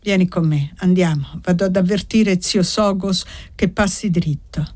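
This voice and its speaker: A woman's voice: fairly low pitch, moderate pace, a little mellow, close to an everyday voice. A woman voicing a proud young man who is torn and reproachful, in a spoken storybook. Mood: urging. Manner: agitated, reproachful.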